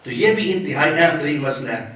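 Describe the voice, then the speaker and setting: A man's voice: on the high side, lively intonation, fairly bright tone, distant mic. Echoing male religious teacher. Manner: explains slowly, draws out words when demonstrating; asks listeners questions. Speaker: Islamic scholar teaching prayer. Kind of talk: religious lesson on prayer rules.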